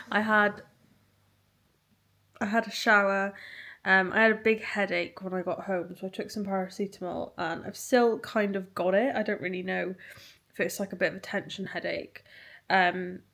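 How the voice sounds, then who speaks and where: Sounding worn out, this British woman rambles a little as she talks casually to the camera for her running vlog. Her voice is mid-range with a slightly bright quality.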